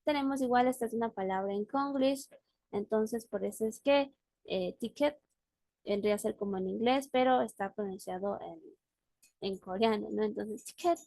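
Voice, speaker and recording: A woman's voice: fairly high pitch, moderate pace, gravelly, a little mellow, dry recording. A woman teaching a language class on a video call, explaining words patiently and often checking in with her student. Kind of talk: online class.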